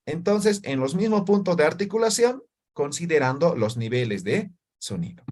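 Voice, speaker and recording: A man's voice: a little high, sing-song, moderate pace, darkish tone. Male teacher, online class, repeats syllables for students to echo, checks in with short tag questions.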